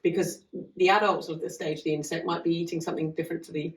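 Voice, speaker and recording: Woman, low voice, chatty and rambling, self-deprecating, recorded a little away from the mic in an echoey half-open barn. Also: steady tone, fast. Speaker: guest running a farm learning hub. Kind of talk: casual podcast chat. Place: half-open converted cart lodge on a farm. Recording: echoey room, mic at a distance.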